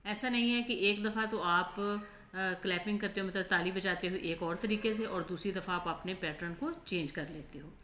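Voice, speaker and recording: A woman's voice: medium pitch, fairly bright tone. Pakistani teacher woman, patient lesson voice. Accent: Pakistani Urdu. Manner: explains slowly, repeats "ठीक है?" often. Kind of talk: online lesson explanation. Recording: echoey room with faint noise.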